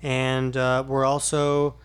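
A middle-aged fitness coach co-hosts a casual podcast, giving diet advice in an easygoing way with frequent fillers. His voice is medium-pitched, monotone and clean, and he speaks slowly.

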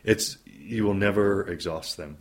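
Man in his fifties, pastor, very low voice, husky, earnest reflective interview talk. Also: measured pace. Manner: earnest, reflective, builds lists for emphasis. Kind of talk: interview conversation.

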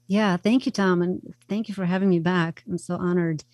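A woman's voice: lowish voice, fairly even intonation, normal speed, darkish tone, no room sound. A woman from Croatia, a radio interview guest, telling her story in an earnest, reflective way with many fillers and restarts.

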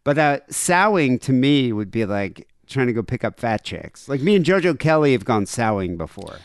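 Man, American accent, lively mid-pitched delivery, dry studio-close sound; podcast host making casual comic chat. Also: normal speed, clean tone, no echo. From United States.

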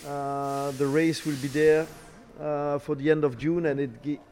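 A middle-aged man, not a native English speaker, answering interview questions haltingly, searching for words and repeating phrases. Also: a little high, level tone, a little mellow. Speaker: racing team boss, former driver. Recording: clear background noise, ambient sound.

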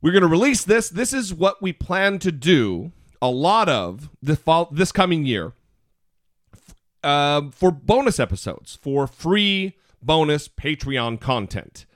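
A man's voice: fairly high pitch, very animated, slow, no echo, studio quality. A man hosting a podcast with casual comedic talk and brash, teasing delivery. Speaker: podcast host.

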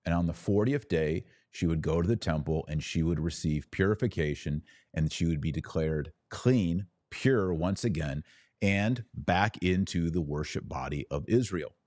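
A man hosting a podcast delivers a devotional theology talk, using emphatic, deliberate phrasing and pausing for effect. His voice sits low with a darkish tone, and the recording is dry with clean studio sound.

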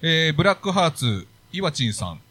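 A man's voice: a little high, big pitch swings, moderate pace, bright, forceful tone. A man co-hosting a live podcast recording, chatting and reading fan comments aloud. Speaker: podcast co-host. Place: live event venue.

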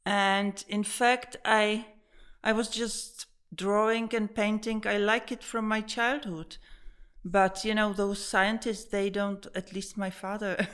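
A woman's voice: medium pitch, smooth. A woman painter from the Czech Republic, a native Czech speaker, talking in English in a casual interview in her studio, hesitant, with frequent restarts and small laughs.

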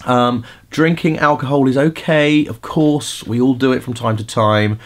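This middle-aged vocal coach hosts a podcast, offering relaxed vocal tips in a chatty style packed with fillers and false starts. His voice is medium-pitched and steady, and he speaks at a normal pace.

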